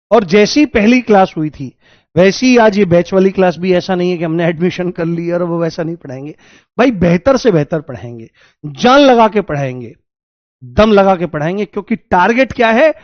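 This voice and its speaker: Male teacher, high voice, energetic and repetitive, dry slightly dull close-mic recording. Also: no echo. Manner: energetic, repeats points and asks students questions. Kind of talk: live online class lecture.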